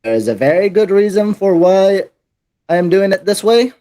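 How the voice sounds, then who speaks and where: A man's voice: sits high, big pitch swings, normal speed, mellow. A man narrating as dungeon master in a tabletop role-playing game, with hesitant fillers.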